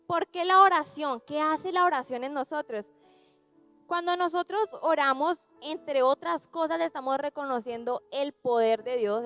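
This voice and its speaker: High-voiced young woman preaching to youth. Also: fairly bright tone, clear, resonant tone. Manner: conversational, asks the audience questions. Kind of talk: sermon to young people.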